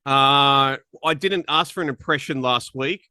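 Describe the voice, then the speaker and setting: A man's voice: mid-range voice, a little slow, pushed and bright, clean tone, dry recording. A man hosting a podcast, chatting casually in a joking, teasing way. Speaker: podcast host.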